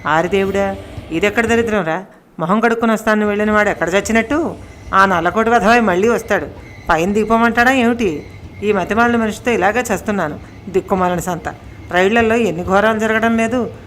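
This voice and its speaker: A woman voicing a frantic, sharp-tongued middle-aged wife who scolds and wails loudly in a storybook tale. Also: brisk, a little hiss or hum, lightly acted. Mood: wailing. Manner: loud, shrill scolding and wailing.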